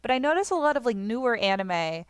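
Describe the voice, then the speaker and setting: This fairly high, very animated female voice moves quickly, clean in tone and recorded dry. While drawing requests for viewers on stream, she rambles in casual chat, laughs a lot, and swears offhand.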